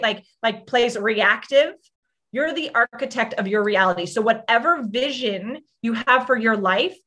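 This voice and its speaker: A woman's voice: fairly high pitch, fairly bright tone. A woman business and mindset coach giving a casual motivational talk, chatty and effusive, full of "like" and swearing.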